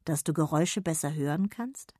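Woman reading as a sweet giggly old granny, soft and husky, cozy and dry close up. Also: sits low, expressive, normal speed, no room sound. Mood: gentle, amused. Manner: giggly, gentle, soothing. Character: loving old grandmother who knits and giggles.

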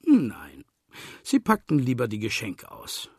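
A man's voice: medium pitch, huge pitch swings, takes it slowly, creaky, slightly rough, dry recording, clean studio sound. A man reading a children's storybook aloud as narrator, telling it expressively.

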